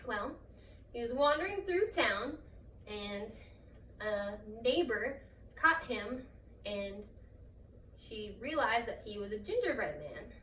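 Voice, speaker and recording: A woman's voice: on the high side, animated, slow, long pauses, pushed and bright. A woman storyteller narrating a trickster folktale in her own improvised words. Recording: roomy, distant mic, faint noise.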